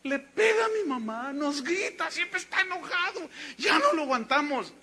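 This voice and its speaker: Man putting on a tearful young girl, high strained pitch, pleading. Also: lively intonation, moderate pace, pushed and bright, slight background noise, exaggerated voice. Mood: distressed. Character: tearful young girl, upset about her father.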